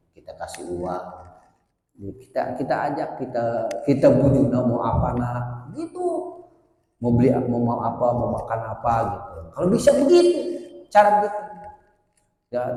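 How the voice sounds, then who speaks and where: A man giving a sermon at an evening study gathering, moving between quiet murmured stretches and loud raised exclamations. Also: mid-range voice. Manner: swings from soft murmurs to loud raised preaching. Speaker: preacher. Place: mosque or prayer hall. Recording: echoey hall with long reverb.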